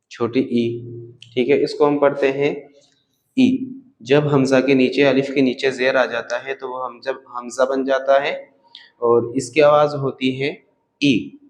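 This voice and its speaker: A man teaching letters in a patient lesson, repeating each sound and asking it back. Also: medium pitch. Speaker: Urdu reading teacher.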